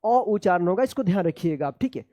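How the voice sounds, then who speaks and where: A woman teaching English reading. She spells each word out letter by letter, asks how it should be read, then says it slowly. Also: on the low side, expressive, mellow, dry recording, dull audio. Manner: keeps asking the listener how a word is read. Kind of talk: classroom-style reading lesson.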